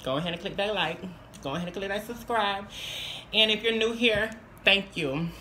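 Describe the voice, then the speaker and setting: Bright-voiced chatty woman vlogger. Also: medium pitch, moderate pace, slight background noise. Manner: chatty, repeats phrases for emphasis. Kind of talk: casual tutorial chat.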